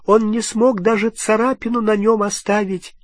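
A man's voice: sits high, level tone, moderate pace, no room sound, voice pushed up, lightly acted. A man voicing a weeping old male house-elf who stammers through sobs and speaks of himself in the third person. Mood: sobbing.

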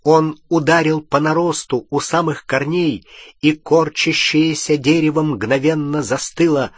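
A man reading a fantasy novel aloud as audiobook narration, measured and even. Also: fairly high pitch, slightly rough, dry recording.

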